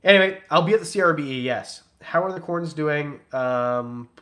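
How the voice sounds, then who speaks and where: On his casual reptile livestream, a young breeder and channel host reads out donations and rambles along with loose jokes. He speaks at a moderate pace in a slightly bright voice that sits on the high side.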